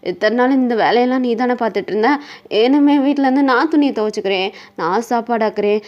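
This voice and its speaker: A man's voice: extremely high pitch, fast, lo-fi sound. A woman voicing a possessive young male kidnapper who keeps pleading with his wife, in an insistent, repetitive way. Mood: coaxing. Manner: insistent, repeating lines over and over.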